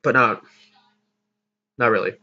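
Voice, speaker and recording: A man's voice: medium pitch, measured pace, sharp tone. A young man casually talking through his team plans for a league battle, rambling and poking fun at himself. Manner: rambling, self-deprecating, laughs at himself. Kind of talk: casual gaming commentary. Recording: slightly dull lo-fi mic.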